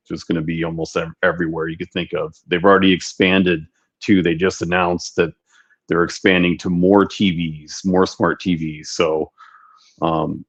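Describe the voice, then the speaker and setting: A man co-hosting a casual gaming livestream over a buzzy, glitchy online call, talking at an unhurried pace with frequent ums. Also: low voice, husky. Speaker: livestream co-host.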